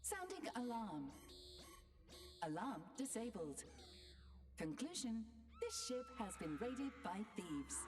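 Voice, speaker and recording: A woman's voice: a little high, very animated, slow pace, pauses often. A woman voicing a ship's computer AI that gives clipped, machine-like status reports in a computer processing voice. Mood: announcing. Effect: computer processing voice, reading out system status. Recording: distant reverberant voice over music.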